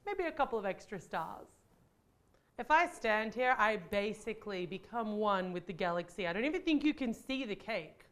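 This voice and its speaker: A woman's voice: medium pitch, expressive, normal speed, a bit bright. A woman hosting a baking channel, giving bubbly, chatty step-by-step instructions in her kitchen. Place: home kitchen.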